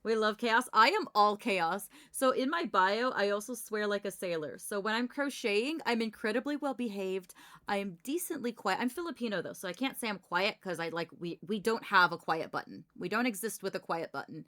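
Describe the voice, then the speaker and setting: A woman's voice: mid-range voice, lively intonation, fairly quick, a bit bright. A woman livestreamer chatting casually in an informal, rambling way.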